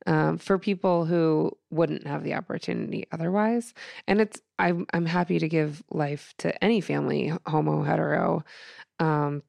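A woman's voice: low voice, creaky, darkish tone, no echo. A woman guest on a podcast, reading from her journal and talking in an earnest, emotional way with many fillers.

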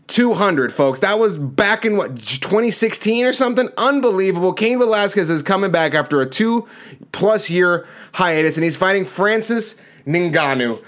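A man's voice: high-pitched, lively intonation, moderate pace, fairly bright tone. A man hosting a sports show, giving casual fight predictions in an emphatic, slangy, conversational way.

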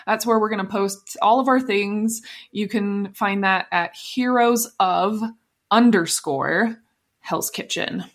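A woman co-hosting a podcast in casual chat, often laughing and searching for words. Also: medium pitch. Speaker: podcast co-host. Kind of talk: casual chat recapping a TV show.

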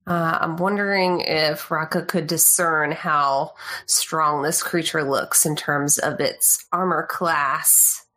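Brief: female player, lowish voice, measured and polite. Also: fairly even intonation, bright, forceful tone. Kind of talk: tabletop game play.

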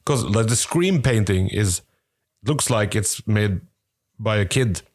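A man with a Norwegian accent, English not his first language, chatting casually as a podcast co-host and often pausing to search for words. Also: fairly low pitch, expressive. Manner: hesitant, searching for English words, many fillers. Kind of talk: casual chat.

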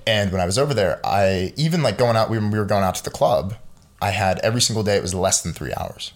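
A man in his mid-twenties, guesting on a podcast, rambles through stories in a lowish voice at a quick pace. His casual chat is full of fillers like "like."

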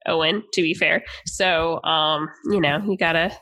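A woman co-hosting a podcast, chatting casually with quick reactions. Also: deep voice, steady tone, pushed and bright. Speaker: podcast co-host. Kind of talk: casual chat.

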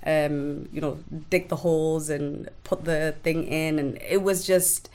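Low-voiced, frank woman guest from Somalia. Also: steady tone, darkish tone. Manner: frank and earnest, speaks in quick bursts with blunt asides. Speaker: podcast guest. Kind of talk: candid conversational interview.

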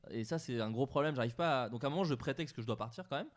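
A young man telling an animated anecdote in casual chat, acting out the quotes and laughing often. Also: mid-range voice, very fast.

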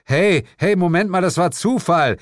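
A man's voice: fairly high pitch, expressive, takes it slowly, dry recording, clean studio sound, pitched above the performer's own voice. A man voicing a blustering male devil who stammers when flustered, in an audiobook.

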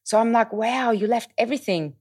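A young woman from Germany, a German native speaker with a German accent, chatting casually as a podcast guest and telling a lively story, sometimes hunting for the right English word. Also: a little high, fairly quick. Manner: lively, self-correcting, searches for English words.

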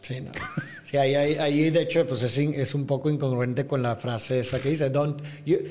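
A man's voice: medium pitch, steady tone, moderate pace, darkish tone. A man with a Mexican Spanish accent in a casual podcast chat, agreeing readily and chiming in. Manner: agreeable, chiming in with short replies.

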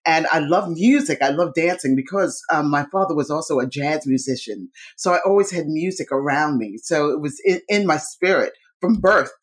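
A woman's voice: sits low, animated, moderate pace, hardly any pauses, husky. A woman from New York, a dancer, talking as an interview guest in an effusive, rambling way with many fillers. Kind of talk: casual conversation.

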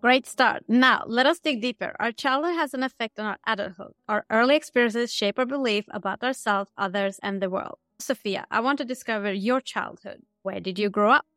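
A woman's voice: on the high side, brisk, few pauses, a bit bright, dry recording, studio quality. A woman hosting an interview, reading out scripted questions in an upbeat, structured way. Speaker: interview host.

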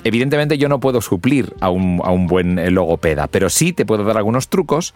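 Guy with a low voice, super animated, teaching how to speak in public, faint music behind. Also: brisk. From Spain. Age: middle-aged. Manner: lively, demonstrates pronunciation with exaggerated examples. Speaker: podcast host and public speaking mentor. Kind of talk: instructional podcast talk.

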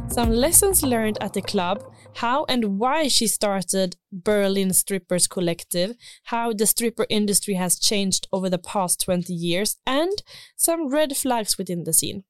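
A woman hosting a podcast, reading an intro and asking relaxed, curious questions in casual chat. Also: mid-range voice, dry recording. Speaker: podcast host. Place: recording studio.

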